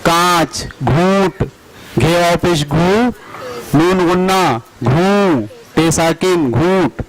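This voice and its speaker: Man, teacher trainer, fairly high voice, slow and deliberate, faint room hiss. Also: low-quality recording. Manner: spells words out letter by letter, slow and deliberate. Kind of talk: teaching Urdu spelling to teachers.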